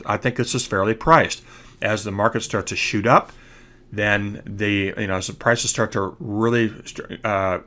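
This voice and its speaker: With a lowish, bright, forceful voice that's congested from allergies, a man explains trading ideas over slides, often checking in with "okay?". He's a trading educator recording a screen-captured slide lecture.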